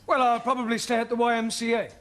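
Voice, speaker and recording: An actor playing a polite, long-suffering English teacher with a British accent in a sitcom. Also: male voice, very high voice, completely flat delivery, fast talker, a bit bright. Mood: polite, harried. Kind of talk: sitcom acting before a studio audience.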